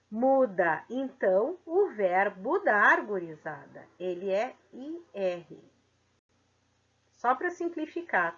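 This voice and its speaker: A woman's voice: mid-range voice, husky. A woman teacher, giving a grammar lesson and asking the class questions. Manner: slow, explanatory, asks the class questions. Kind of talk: grammar lesson for middle school. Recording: dull lo-fi sound.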